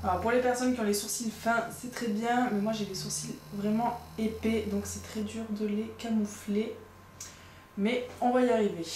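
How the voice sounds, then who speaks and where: A woman's voice: mid-range voice, a little mellow. Young woman, casual makeup tutorial, chatty, self-mocking asides, roomy sound, faint background noise. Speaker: makeup vlogger.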